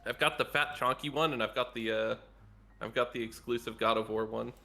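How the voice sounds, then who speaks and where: Man, casual podcast guest, gravelly and bright, giggly, rambling. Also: medium pitch, fairly even intonation, a little fast, faint music behind. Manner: giggly, rambling with many restarts. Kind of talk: casual chat.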